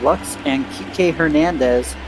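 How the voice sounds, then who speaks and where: A man giving relaxed, chatty play-by-play of a baseball game, in a casual and self-deprecating way. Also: a little high, takes it slowly, noisy background. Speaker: play-by-play commentator.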